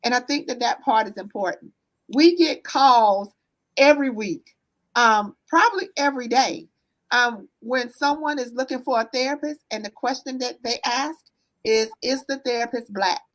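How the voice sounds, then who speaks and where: A woman with a Southern US accent, a therapist guest answering interview questions in earnest conversational talk, often pausing on "um" and checking in with "right?". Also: a little high, poor audio. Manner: earnest, warm storytelling with frequent "um" and "right?". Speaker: therapist, business owner guest.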